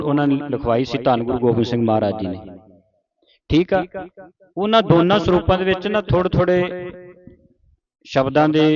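A man's voice: a little high, dull audio. Patient Punjabi man teaching recitation. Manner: patient, repeats words slowly for the student. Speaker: Gurbani pronunciation teacher. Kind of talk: line-by-line recitation lesson.

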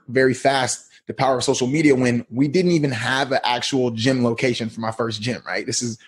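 A man in his thirties telling his story as a podcast guest, relaxed and slangy. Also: medium pitch, fairly quick, slightly rough. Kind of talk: casual interview talk.

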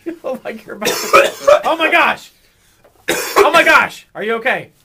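A man hosting a radio morning show, giving excited play-by-play of a stunt, laughing often. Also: very high voice, normal speed, creaky, very noisy. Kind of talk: casual on-air banter.

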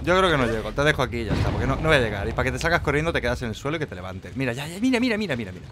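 Excitable man commenting gameplay. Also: medium pitch, very fast, background noise. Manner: excitable, mocking, swings between loud outbursts and muttering. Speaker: gameplay streamer.

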